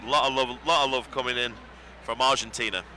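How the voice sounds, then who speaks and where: A man's voice: medium pitch, steady tone, brisk. A British man giving chatty, sympathetic live fight commentary and repeating phrases for emphasis. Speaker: boxing commentator. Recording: music and crowd noise behind. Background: loud event music and crowd.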